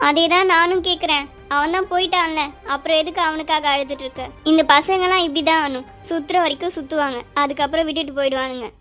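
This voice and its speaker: A woman's voice: high voice, fairly even intonation, quick pace, fairly bright tone, faint music behind, pitched below the performer's own voice. A woman voicing a young woman in a cartoon, a stern, protective cousin who lectures and pleads firmly. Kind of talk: cartoon voice acting.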